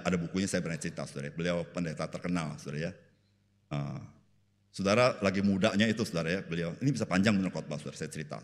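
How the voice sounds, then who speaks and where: Jakarta pastor telling funny stories in his sermon, lowish voice, jumps way up high for the bits, long church echo. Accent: Jakarta Indonesian slang. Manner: folksy storytelling, jokes, keeps saying "saudara"; jumps into high animated voices to act out people in the story. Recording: church sanctuary with long reverb.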